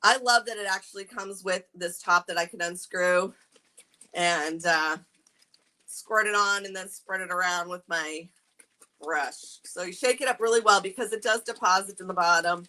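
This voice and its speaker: Speaking in a lowish, bright, forceful voice at a moderate pace, a middle-aged woman with a New England accent demonstrates furniture staining in a casual live craft demo. This furniture painting instructor is chatty, greeting viewers by name and reading their comments aloud. The recording quality is low.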